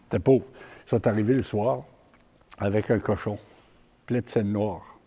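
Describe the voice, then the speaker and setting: An older man with a Québécois accent giving a public talk, plain-spoken and halting, often repeating words as he tells stories. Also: fairly low pitch, fairly even intonation, mellow, slightly rough. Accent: Québécois French. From Quebec. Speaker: community organizer giving a talk.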